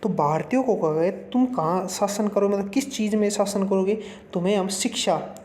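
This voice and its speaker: A man's voice: high voice, normal speed, a little mellow. A man teaching an exam-prep lesson in a casual, chatty, folksy way, mixing in English terms and calling the viewer brother. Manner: mixes Hindi with English terms. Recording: roomy echo.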